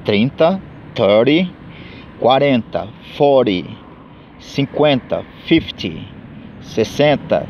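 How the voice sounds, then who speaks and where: Brazilian man teaching English numbers. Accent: Brazilian Portuguese. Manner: repeats numbers in Portuguese and English, many fillers. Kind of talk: informal spoken English lesson. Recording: dull low-fidelity audio with faint street noise.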